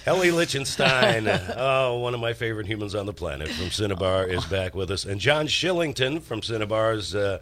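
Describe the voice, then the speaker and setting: A man hosting a live local radio show in a smooth radio host delivery, reading what is coming up. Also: lowish voice, moderate pace, hardly any pauses, a bit bright. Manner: jokey, laughs easily between plugs. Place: radio studio. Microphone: studio microphone.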